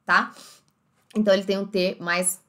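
A woman teaching English pronunciation in a casual lesson, saying example words slowly and repeating them again and again. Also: mid-range voice, little pitch movement, sharp tone.

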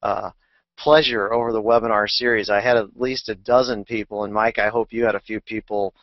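A man's voice: lowish voice, little pitch movement, fairly quick, dry recording, muffled recording. A man hosting a webinar, wrapping up and thanking the presenter and audience with frequent fillers. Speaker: webinar host. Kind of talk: closing remarks of a webinar.

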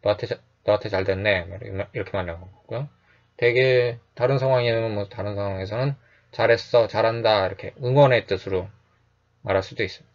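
A man teaching English phrases in a calm, explanatory lecture, repeating each phrase slowly and often adding a short "yes". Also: fairly low pitch, lo-fi sound.

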